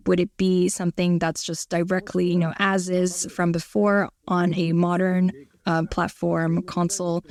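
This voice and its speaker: A woman working as a live interpreter on a podcast, relaying a question in the first person with frequent fillers and pauses. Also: lowish voice, level tone, a little mellow.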